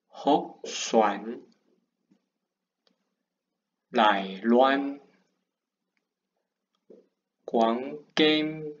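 A man with a Taiwanese accent reads practice words aloud in a halting, broken learner's manner. His pace is extremely slow, one word at a time. The recording is dull and lo-fi, with clicks. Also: medium pitch. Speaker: language student. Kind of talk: reading pronunciation drills aloud.

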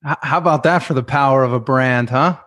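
A man's voice: mid-range voice, a little fast, fairly bright tone. Affirming male podcast host. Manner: encouraging, affirming, laughs along. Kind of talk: casual interview.

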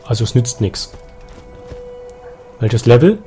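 A man with a Saxon German accent giving live let's play commentary, excitable, with loud outbursts and swearing at enemies. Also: mid-range voice, slow, soft background music.

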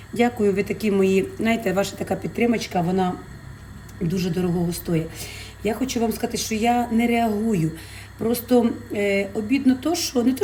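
A woman's voice: medium pitch, warm tone, slight background noise. A woman who sells fish, chatting in a casual cooking vlog from her home kitchen. She talks to her viewers affectionately and fills her speech with diminutives. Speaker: fish vendor and vlogger.

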